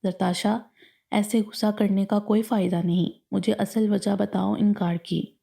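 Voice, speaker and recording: A woman narrator voicing a calm, caring young woman who coaxes her upset friend, in a storybook reading. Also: medium pitch, measured pace, creaky. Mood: coaxing. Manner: gentle coaxing.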